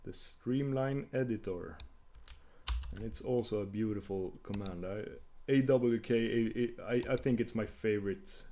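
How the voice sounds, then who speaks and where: A man's voice: lowish voice, unhurried, warm tone, a little hiss or hum. Hesitant man explaining code with fillers. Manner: hesitant, many fillers and restarts while typing. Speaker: tutorial host. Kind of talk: screencast coding tutorial.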